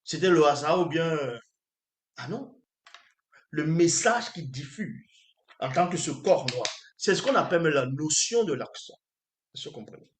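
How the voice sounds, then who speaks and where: A man's voice: a little high, roomy sound. A man giving an emphatic spiritual teaching, often pressing his listeners with rhetorical questions. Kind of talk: preaching lecture.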